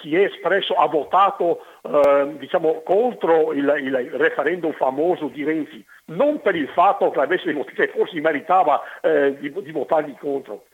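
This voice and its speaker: Husky older man on a tinny phone line. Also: fairly high pitch. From Venice area, Italy. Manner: hesitant, halting with many fillers. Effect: over a landline phone. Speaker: radio call-in caller. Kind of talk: phone-in talk radio.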